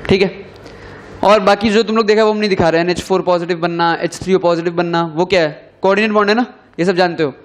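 A young male chemistry teacher with a high-pitched voice gives a classroom lecture. He dictates definitions slowly and repeats them so students can write them down. His pitch sinks at the end of each key term. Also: steady tone.

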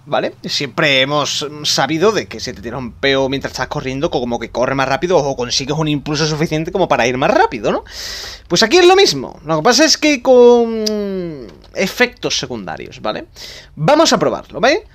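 Excitable young man doing game commentary. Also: a little high, fairly quick. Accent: Spain Spanish. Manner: excitable, laughing, animated. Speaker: gaming YouTuber. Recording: faint background music.

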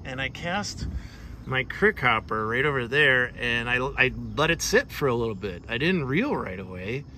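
A man vlogging while fishing at a creek outdoors, excitable and laughing often as he explains his catch. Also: mid-range voice, moderate pace. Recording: outdoor noise in background.

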